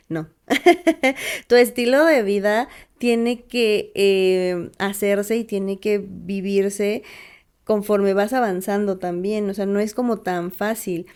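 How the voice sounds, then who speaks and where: A woman's voice: mid-range voice, steady tone, slow pace, a little mellow, clear, resonant tone. A woman co-hosting a podcast, chatting in an upbeat way and laughing often between phrases. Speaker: podcast co-host. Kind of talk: casual podcast chat.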